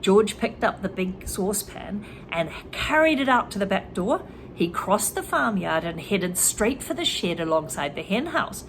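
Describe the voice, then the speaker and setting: A woman reads a children's story aloud, pausing to explain English words and expressions for learners as their teacher. Her voice is medium-pitched, with a bit of hiss or hum in the recording.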